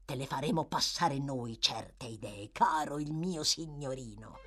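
A woman's voice: very deep voice, animated, a little slow, fairly bright tone, breathy edge, soft background music, voice pushed down, heavily acted. A woman voicing a cunning old male villain, sly and wheedling, sometimes snarling.

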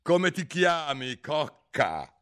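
A man voicing an imperious, furious queen of cards in an audiobook, with shrill, bossy commands. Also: very animated, drawn-out words, fairly bright tone, smooth, full character voice. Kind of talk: audiobook reading.

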